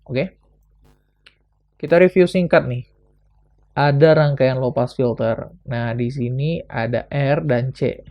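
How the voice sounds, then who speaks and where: A man's voice: medium pitch, gravelly, lo-fi sound. A young man from Indonesia giving a casual explanatory lesson as a student presenter, thinking aloud with frequent fillers.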